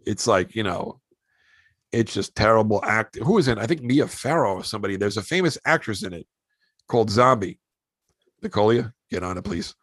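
A man who hosts a podcast, telling animated show-business anecdotes in a casual way. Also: fairly low pitch, brisk, husky, no echo. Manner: animated anecdotes, acts out quoted voices. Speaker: podcast host and actor. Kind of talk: casual storytelling.

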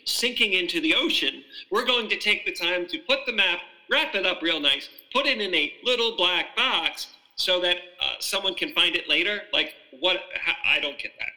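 A man's voice: sits high, expressive, normal speed, sharp tone, poor audio. A man co-hosting a casual podcast chat about a film, talking in a hesitant way with many restarts. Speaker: podcast co-host.

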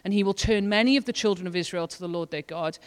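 High-voiced man reading scripture aloud. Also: fast talker, clean tone, big-room sound. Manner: earnest, reads scripture aloud at length. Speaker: church leader. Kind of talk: casual Bible study discussion.

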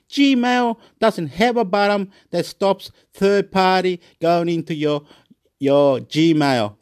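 A man's voice: a little high, darkish tone. A man from Chile, vlogging in a rambling, repetitive rant full of swearing. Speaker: YouTube vlogger.

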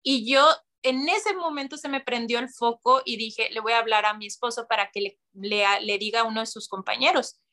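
Woman, high voice, bright tone, animated storytelling with acted-out voices. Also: moderate pace, hardly any pauses. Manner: animated, acts out voices, laughs often. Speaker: guest. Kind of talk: casual storytelling.

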